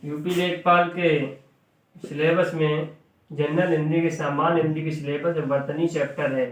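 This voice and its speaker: A man teaching a spelling lesson, who repeats words slowly and often asks and answers his own questions. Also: a little high, little pitch movement. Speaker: Hindi teacher. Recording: roomy echo, distant mic.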